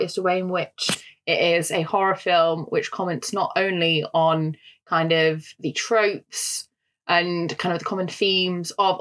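A woman's voice: lowish voice, fairly bright tone. A woman with a Northern English accent, co-hosting a film podcast and explaining history in an articulate way with frequent fillers. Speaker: podcast co-host.

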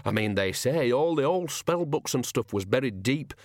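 A male narrator gives an audiobook's grumbling, resentful working-class cart driver an animated, natural-sounding voice, muttering colloquially. It sits at medium pitch, higher than the performer's own, at normal speed, recorded studio-clean with no room sound.

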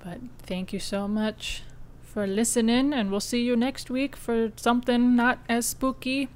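A woman's voice: on the high side, measured pace. Laughing young woman podcast co-host. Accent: Upper Peninsula Michigan. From Upper Peninsula of Michigan. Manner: laughs often, relaxed and friendly. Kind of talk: casual chat.

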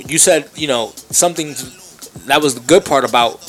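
A man's voice: on the high side, normal speed, fairly bright tone. A man hosting a casual interview, speaking in street slang with some Spanish mixed into his English. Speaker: podcast host interviewer. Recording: music behind the voice.

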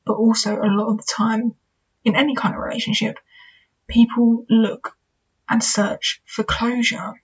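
A woman's voice: on the high side, little pitch movement, measured pace, slightly rough. A young woman talking candidly and reflectively in a casual solo advice chat, peppered with "you know" and "kind of". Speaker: podcast host. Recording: dull lo-fi recording.

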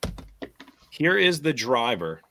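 A young man hosting a casual chat, animated and laughing as he thinks aloud. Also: mid-range voice, slow, a crowd in the background. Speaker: podcast host reviewing discs.

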